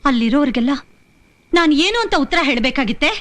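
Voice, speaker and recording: A sharp, scolding grandmother. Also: high voice, expressive, quick pace, no echo. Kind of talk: 1990s film drama.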